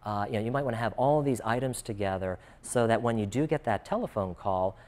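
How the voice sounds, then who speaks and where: An American man talks as a job coach, explaining things in an informal, conversational way and often dropping in "you know." His voice is fairly low and a little mellow, and he speaks fairly quickly.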